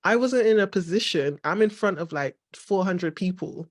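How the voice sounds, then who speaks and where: A woman hosting a podcast, chatting casually and telling a story with lively quoted reactions. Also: on the low side, normal speed. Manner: animated storytelling, frequent laughter. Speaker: podcast host. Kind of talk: casual conversation.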